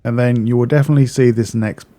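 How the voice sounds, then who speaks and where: This man's mid-range voice is steady and dark, and he moves at a quick pace. He narrates a video game walkthrough in a relaxed, instructional style, breaking things down step by step while often repeating or correcting himself.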